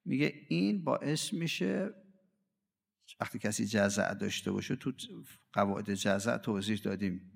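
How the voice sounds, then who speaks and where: A man preaching a religious sermon. He swings dramatically between loud and hushed delivery and acts out quoted voices and everyday cries. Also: on the low side, creaky, husky, long reverb tail.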